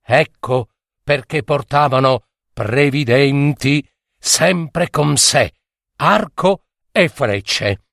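A man telling a myth in a theatrical, lively way, with sudden high cries and comic asides. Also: drawn-out words, gravelly, no room sound, clean studio sound. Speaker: storyteller. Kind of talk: dramatic storytelling of a myth.

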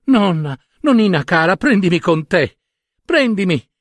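A man's voice: high-pitched, very animated, unhurried, no room sound, studio quality, voice pushed up, exaggerated voice. A man voicing a poor little girl who pleads breathlessly with her grandmother, in a storybook reading. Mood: pleading.

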